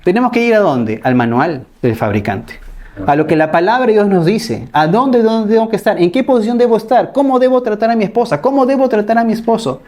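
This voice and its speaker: A man's voice: high-pitched, animated, brisk, a little mellow. Man preaching in rhetorical questions. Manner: keeps asking rhetorical questions and adding a tag "¿no?". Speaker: pastor. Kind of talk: sermon.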